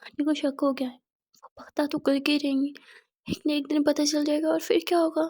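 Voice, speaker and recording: A woman's voice: high-pitched, flat delivery, normal speed, darkish tone, lightly acted. A woman voicing an anxious, sulky young woman in a told story, speaking in a fretful, pleading way. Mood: worried. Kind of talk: dramatized storytelling.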